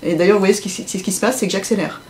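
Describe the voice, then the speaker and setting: A woman voice coach explains how speech works in this explanatory interview talk, speaking rapid-fire in a medium-pitched, darkish voice with slight background noise. She demonstrates as she goes, acting out example phrases in varied tones and voices.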